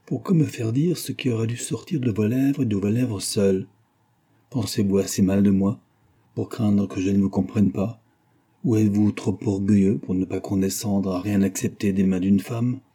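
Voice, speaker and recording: A man voicing a passionate lady who pleads for her beloved's love, read in an audiobook with a husky, impassioned delivery. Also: lowish voice, steady tone, normal speed, dark tone. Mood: impassioned pleading. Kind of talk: audiobook reading of a novel.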